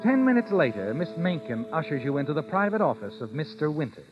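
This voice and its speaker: With a fairly high voice that swings widely in pitch, a man talks briskly through a muffled recording. Cast as the sinister narrator of a 1940s radio thriller, he taunts the guilty woman in the second person with probing questions, backed by dramatic music.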